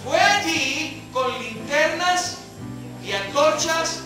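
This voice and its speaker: A woman's voice: sits high, expressive, slow. A woman leading a Bible study sermon, acting out scripture quotes and asking the room rhetorical questions. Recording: echoey hall with faint music.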